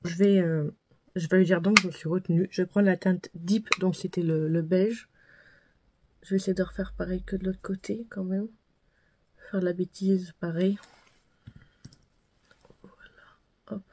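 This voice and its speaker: A woman's voice: lowish voice, fairly even intonation, measured pace, pauses often, background noise. A woman vlogger chatting casually through a makeup tutorial, self-deprecating and full of fillers and repeated words. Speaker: beauty vlogger.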